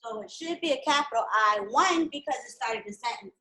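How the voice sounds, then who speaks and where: Kindergarten teacher lady on a video call, slow and clear with the kids, kinda high voice. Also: animated, sharp tone, poor audio. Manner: patient, slow and clear with small children. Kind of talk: live online lesson.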